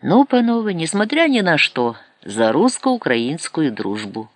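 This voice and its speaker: A man's voice: a little high, sing-song, unhurried, dry recording, pitched above the performer's own voice. A man doing a fawning old Muscovite hustler. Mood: toasting. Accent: Moscow Russian. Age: older. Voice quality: fawning, falsely polite, mixes broken Ukrainian with Russian. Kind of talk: audiobook character voice.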